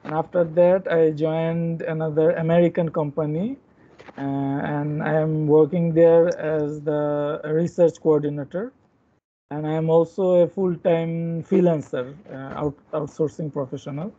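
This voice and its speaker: Brief: male student from Bangladesh, soft warm tone, muffled call sound. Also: a little high, level tone, unhurried. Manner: plain, orderly self-introduction. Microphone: video call. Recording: dull video-call audio.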